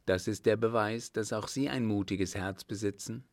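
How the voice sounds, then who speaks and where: A courteous, proud young army lieutenant, read by a man. His voice is low and gravelly, the delivery slow and measured. It sounds close and dry. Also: dry recording, natural voice. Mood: earnest.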